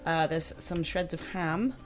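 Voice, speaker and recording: Low-voiced chatty young woman cooking. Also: a little slow. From Hong Kong. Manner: chatty, laughs often. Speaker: home cook guest. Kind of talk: casual chat while cooking.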